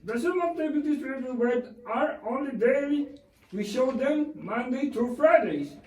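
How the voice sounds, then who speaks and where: A man voices a polite, cheerful monkey puppet appearing as a guest on a scripted puppet show; the character works in a day program and is being interviewed. His voice sits high, with lively intonation, a moderate pace and a darkish tone, and he reads his answers carefully, polite and earnest. The room is echoey, he's far from the mic, and there's slight background noise.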